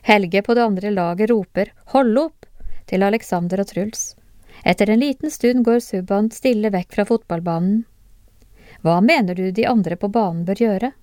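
Woman, scripted lesson narration, calm, measured, mellow tone, dry sound. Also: medium pitch, no room sound. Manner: calm, measured reading that poses questions to the listener. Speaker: narrator of classroom discussion cases.

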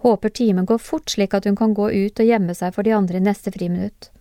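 A woman calmly narrates a script of classroom cases for a lesson, measuring her delivery and pausing to pose questions to the listener. Her voice is medium-pitched, and the studio-quality recording has no echo.

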